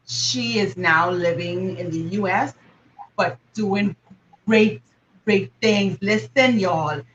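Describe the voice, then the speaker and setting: A woman's voice: on the low side, a bit bright, highs cut off, a little hiss or hum. A Bahamian woman hosting a live stream, effusive and chatty, calling her audience darlings. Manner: exuberant, effusive, calls the audience darlings and y'all. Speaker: host.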